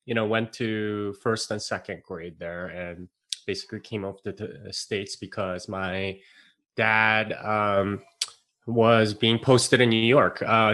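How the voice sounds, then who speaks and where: A man's voice: on the low side, fairly bright tone. A man from South Korea, a podcast guest, telling stories in a casual, rambling way with lots of fillers, restarts and laughs. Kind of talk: casual interview chat.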